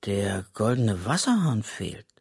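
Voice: medium pitch, very animated, slow, vocal fry, darkish tone, breathy edge, heavily acted. A reader voicing a timid, nervous young boy in a children's audiobook, speaking hesitantly.

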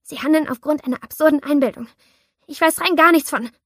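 A woman reading an audiobook who voices a frightened young woman at knifepoint, stammering and trembling while trying to sound calm. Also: sits high, a little fast, dry recording, clean studio sound, voice pushed up, close to an everyday voice. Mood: tense protest.

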